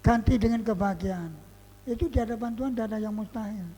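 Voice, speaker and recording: High-voiced man preaching a sermon. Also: quick pace. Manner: earnest preaching with sudden loud emphasis. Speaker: pastor. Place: church hall. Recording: hall reverb with faint hum.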